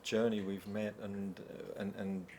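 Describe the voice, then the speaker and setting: Man recounting stories, halting. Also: fairly low pitch, little pitch movement, mellow, a little hiss or hum. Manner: halting, storytelling with many fillers. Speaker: musician guest. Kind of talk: casual interview chat.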